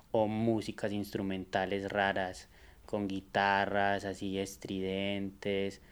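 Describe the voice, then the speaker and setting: A man, a musician guest, talking in a relaxed, rambling way with many hesitant fillers. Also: lowish voice, smooth. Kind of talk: casual conversation.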